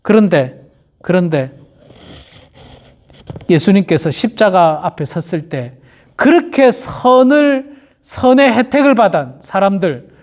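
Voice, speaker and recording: Lively man preaching a dawn sermon. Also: high-pitched, slow pace, long pauses. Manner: repeats key phrases and often addresses the congregation directly; acts out quoted churchgoers in little voices. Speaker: pastor. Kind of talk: early-morning prayer sermon.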